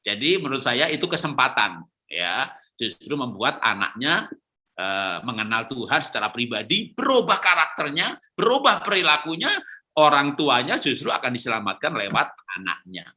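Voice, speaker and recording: A middle-aged man pastor answering questions on raising children in a lively storytelling manner, acting out quoted lines. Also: medium pitch, normal speed.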